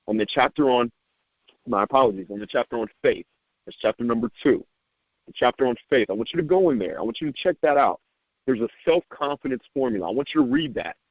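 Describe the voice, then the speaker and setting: Giving a motivational talk to a sales team, a man sounds animated and almost preacherly, repeating phrases and tripping over words as his excitement builds. His voice sits at a medium pitch, and the recording is lo-fi with no echo.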